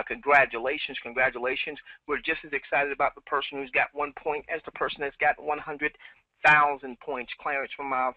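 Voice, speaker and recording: A medium-pitched man leads a live team webinar through his headset. He's upbeat, says the same things more than once, and leans on fillers constantly. The recording is dry, with a thin, phone-like tinniness.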